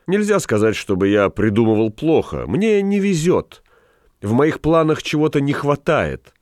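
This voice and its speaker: Reading aloud, a man voices a rueful male café owner who recounts his failed schemes in a plaintive, rambling way. His medium-pitched delivery is very animated, a little mellow and at normal speed, pitched above his own voice yet close to an everyday one. The clean studio sound has no room noise.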